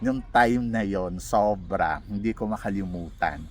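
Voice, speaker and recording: A man casually telling a personal story as a vlogger, animated and laughing often as he acts out what others said. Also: lowish voice, unhurried, a little hiss or hum.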